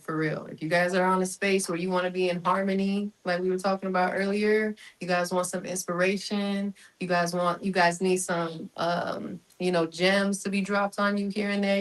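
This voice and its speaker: Woman guest with a low, level voice, promoting events in a relaxed podcast chat. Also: low-quality recording. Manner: enthusiastic promoter, runs through lists.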